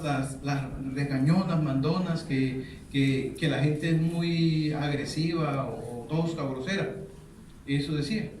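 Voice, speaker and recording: A man preaches a sermon, asking the congregation questions for them to finish. His slightly high voice carries through a very echoey church hall, picked up from a distance with a faint background hiss. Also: a little mellow. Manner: asks the congregation fill-in questions. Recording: very echoey hall, mic far off.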